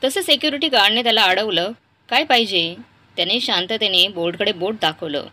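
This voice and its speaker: Bright-voiced woman telling a story. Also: mid-range voice, quick pace. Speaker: narrator. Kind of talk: storytelling narration.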